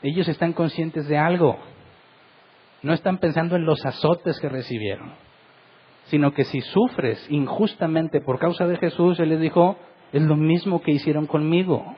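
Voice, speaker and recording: A man's voice: a little high, unhurried, slightly rough, dull audio. A middle-aged man, a pastor, preaching earnestly in a Bible study and asking his listeners rhetorical questions.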